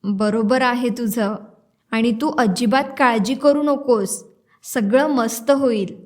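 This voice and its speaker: A woman reading the part of a caring older woman in the family who calmly reassures a worried young man in an audiobook. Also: on the high side, takes it slowly. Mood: calming. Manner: calming, motherly. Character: older aunt-like elder woman, caring and calming.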